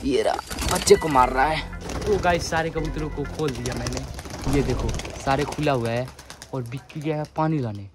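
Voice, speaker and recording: A man's voice: medium pitch, moderate pace, over loud music. A man vlogging about his pigeons, chatting to viewers and later scolding a friend. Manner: chatty, keeps telling viewers "guys", then scolds angrily. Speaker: pet vlogger. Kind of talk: casual vlog.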